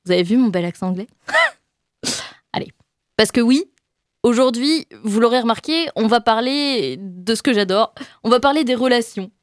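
A woman's voice: on the high side, animated, normal speed, pauses often, no echo, studio quality. Chatty self-mocking young Frenchwoman. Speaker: radio columnist. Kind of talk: comic monologue column.

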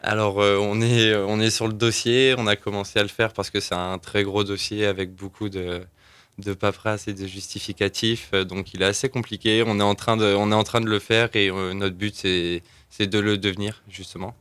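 A man with a low, smooth, clear voice, a guest on a casual radio interview. He speaks haltingly and fills the gaps with small hesitations. The sound is dry and close. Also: flat delivery, a bit bright, dry recording. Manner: halting, many fillers and restarts. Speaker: association volunteer, guest.

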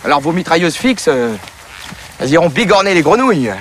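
An actor playing a brash, mocking frontline officer in film dialogue, blunt and slangy. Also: male voice, a little high, big pitch swings, brisk, a bit bright, a little hiss or hum.

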